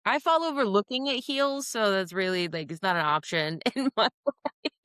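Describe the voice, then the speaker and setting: A woman's voice: medium pitch, lively intonation, normal speed, fairly bright tone, clean tone, no echo, studio quality. A woman co-hosting a casual sports podcast, teasing and helpful, often laughing. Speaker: podcast co-host. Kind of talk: casual chat.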